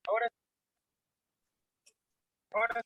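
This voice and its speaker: A man calling in with a hesitant, halting question over a choppy call line full of interference. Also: very noisy. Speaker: caller asking a question. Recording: lo-fi, far from the mic.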